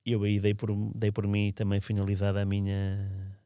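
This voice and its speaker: Low-voiced man. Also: completely flat delivery, moderate pace, dark tone, clear, resonant tone, no echo. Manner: reflective, meandering, frequent restarts. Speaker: podcast storyteller. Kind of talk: casual spoken recollection.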